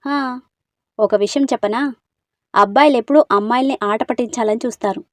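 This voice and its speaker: A woman's voice: on the high side, fairly quick, a bit bright, dry recording, studio quality, lightly acted. A woman voicing a teasing, level-headed young woman friend in a storybook reading. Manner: teasing and reassuring.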